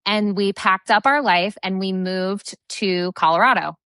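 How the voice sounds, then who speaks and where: A woman in her thirties tells a personal story as a podcast guest, animated and chatty, with lots of "like". Her voice sits at an ordinary pitch. It is recorded close on a dry mic with no room sound. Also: unhurried, clean tone, dry recording. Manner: animated, lively storyteller who acts out quoted dialogue, many fillers like "like". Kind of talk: casual storytelling interview.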